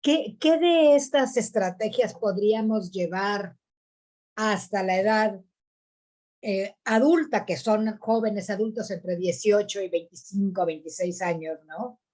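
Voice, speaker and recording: A woman asking a speaker a question at a conference, halting and repeating words. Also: medium pitch, darkish tone. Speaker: audience member asking a question.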